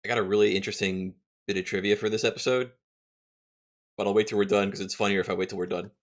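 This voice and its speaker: A man with a lowish voice talks fast and jokes through a watch-along. He teases his co-host and sounds on the edge of laughing. His delivery is casual and quick. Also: flat delivery. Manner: joking, teasing, holds back laughter. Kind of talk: casual reaction chat.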